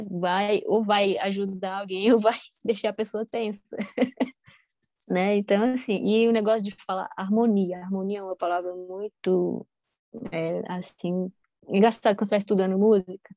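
Woman, casual talk, rambling, lots of fillers, dry close sound, middle pitch. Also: darkish tone, dry recording. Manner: rambling, many fillers and restarts, laughs often. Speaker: musician guest. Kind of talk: casual conversation.

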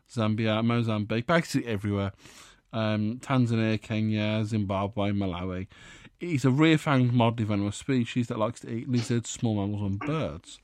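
A man's voice: on the low side, dry recording, clean studio sound. A man co-hosting a podcast with a blocked nose, joking around and stumbling over long names. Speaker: podcast co-host. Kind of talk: casual chat.

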